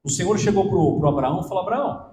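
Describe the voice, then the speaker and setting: Pastor, higher voice, animated, emphatic sermon in an echoey hall. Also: male voice, fast. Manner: emphatic, asks the congregation questions. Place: church hall.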